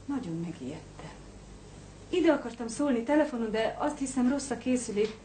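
A woman's voice: fairly high pitch, expressive, dark tone, a little hiss or hum, lightly acted. An actress dubbing the dead man's sister in a film, a suspected woman speaking defiantly and with agitation. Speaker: dubbing actor. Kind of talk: dubbed film acting.

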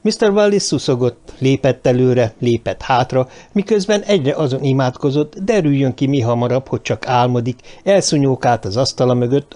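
A man narrating an audiobook with expressive storytelling. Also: medium pitch. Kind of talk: scripted narration.

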